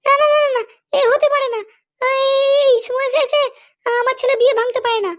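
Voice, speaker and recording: A woman's voice: very high-pitched, fairly even intonation, a little fast, dry recording, studio quality, pitched above the performer's own voice. A woman voicing an anxious, pleading middle-aged mother in a cartoon, fretful and insistent. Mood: alarmed. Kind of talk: cartoon voice acting.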